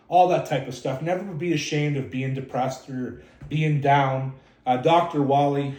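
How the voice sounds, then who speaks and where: A man's voice: a little high, a little mellow. Candid Canadian man in echoey room. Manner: candid, rambling, many fillers. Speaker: podcast host. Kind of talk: casual storytelling monologue.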